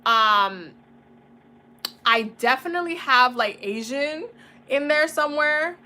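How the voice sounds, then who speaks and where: A young woman from the Dominican Republic chatting casually as a tarot reader, laughing often and using relaxed slang. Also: high voice, takes it slowly. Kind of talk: casual livestream chat.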